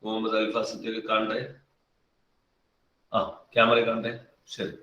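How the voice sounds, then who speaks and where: A man's voice: lowish voice, monotone, measured pace, fairly bright tone, dull audio. Man, physics teacher, live online class, calls on students, repeats key phrases, echoey room, distant mic. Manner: calls on students by name and coaxes answers.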